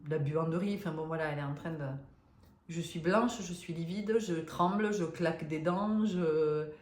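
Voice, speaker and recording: A woman's voice: low voice, moderate pace, a little mellow. A woman in her fifties telling a personal story to her viewers, hesitant and emotional, with many fillers and restarts. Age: 50s. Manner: emotional, confiding. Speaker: spiritual vlogger. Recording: roomy echo.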